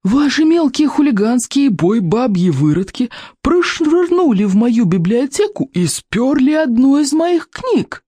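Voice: high voice, very animated, measured pace, warm tone, dry recording, voice pushed up, full character voice. A reader voicing a crazed, scrawny old male librarian who screeches and hisses his words in a storybook reading. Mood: shrill, accusing. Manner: screeching, hissing, creaky. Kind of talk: audiobook character voice.

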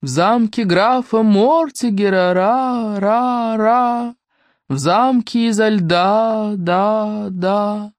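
A reader voicing a gloomy forest echo spirit in an audiobook fairy tale, booming and repeating word endings. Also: fairly even intonation, very slow.

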